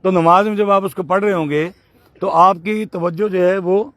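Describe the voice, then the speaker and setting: A man teaching Quran recitation, patiently correcting a student and slowly modelling each word. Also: high-pitched, steady tone, dry recording. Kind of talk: tajweed lesson correcting a student.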